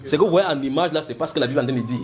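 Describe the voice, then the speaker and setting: A man's voice: fairly high pitch, racing. A man preaching, teaching the Bible by asking his listeners questions, repeating words and pressing his points with energy. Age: adult.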